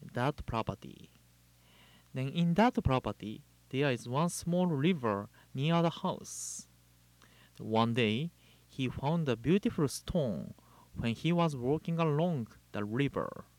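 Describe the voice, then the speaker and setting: A man from Japan with a Japanese accent, a Buddhist minister giving a measured, deliberate Dharma talk and telling a story. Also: medium pitch, no echo. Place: living in Hawaii.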